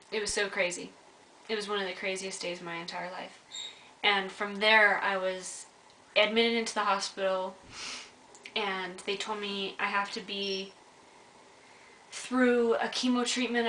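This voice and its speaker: A woman's voice: medium pitch, pushed and bright, far from the mic. A young woman telling her own story in a vlog, earnest and candid, speaking straight to her viewers. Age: young adult. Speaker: vlogger. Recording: echoey room, mic set back, faint hiss.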